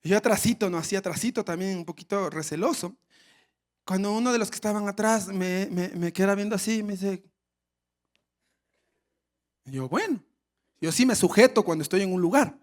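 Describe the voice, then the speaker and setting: A male pastor preaching a sermon, telling a funny story with lively acted shouts. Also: sits high, brisk, pauses often. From Ecuador. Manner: storytelling with humor and animated shouts.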